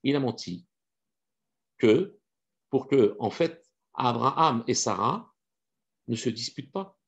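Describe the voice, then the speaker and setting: Male teacher, gravelly voice, lively pitch, hesitant fillers, dull lo-fi recording. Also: slow pace. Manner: animated, hesitant with many fillers. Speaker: Torah teacher. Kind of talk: lesson with acted storytelling.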